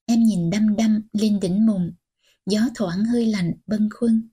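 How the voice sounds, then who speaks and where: A woman reading a novel aloud as an audiobook narrator, in gentle, unhurried storytelling. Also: mid-range voice, fairly even intonation, husky.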